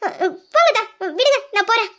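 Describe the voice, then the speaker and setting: A performer voicing a shy, soft-spoken young woman with firm principles, in an audio drama. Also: very high-pitched, expressive, brisk, exaggerated voice.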